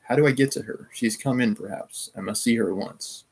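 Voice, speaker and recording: A frightened but defiant young woman, anxious and desperate, read aloud by a man in his own mid-pitched voice. There is no put-on female voice, just a plain reading. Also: fairly quick, gravelly, darkish tone, breathy edge.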